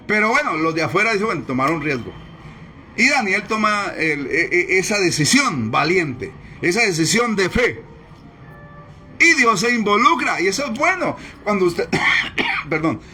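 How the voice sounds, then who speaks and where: A man's voice: sits high, bright, forceful tone. A man preaching a sermon as pastor, emphatic and repetitive as he drives his points home. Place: church service, streamed live.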